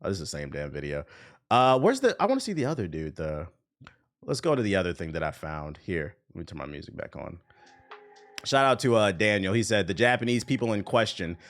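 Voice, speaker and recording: A young male streamer jokes loosely through reaction commentary during a livestream, muttering asides under his breath. His deep voice moves briskly with big pitch swings, and faint music plays in the background.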